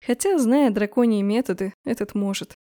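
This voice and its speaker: A woman's voice: medium pitch, moderate pace, dark tone, dry recording, studio quality. A young woman reading a first-person fantasy novel aloud, with wry sarcastic asides. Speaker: audiobook narrator. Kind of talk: first-person audiobook narration.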